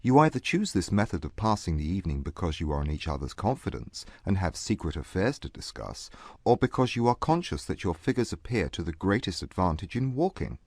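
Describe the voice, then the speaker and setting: A man playing a proud, aloof Regency gentleman in a dramatized audiobook, speaking formally and with measured haughtiness. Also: low voice, very animated, dry recording, clean studio sound, full character voice. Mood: haughty, dry. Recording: music bed under the voice.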